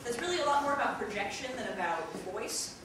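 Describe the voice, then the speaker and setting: A young adult woman running a theatre workshop talks briskly in a slightly high voice. Chatty and demonstrative, she shares acting tips and jumps into loud yelled examples. A distant camera mic picks her up across a big echoey room, leaving heavy echo and a steady hiss throughout.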